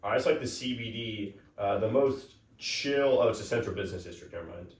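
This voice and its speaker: A man's voice: lowish voice, expressive, fairly quick. A man from Pittsburgh co-hosting a comedy podcast, reading an article aloud with rambling, swearing asides. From Pittsburgh, Pennsylvania. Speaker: podcast co-host. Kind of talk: casual comedic chat. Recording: roomy, distant mic.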